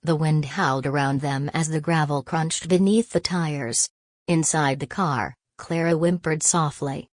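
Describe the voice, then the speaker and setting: A woman giving scripted narration of a family drama in a dramatic, measured way. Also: low-pitched, steady tone, no room sound.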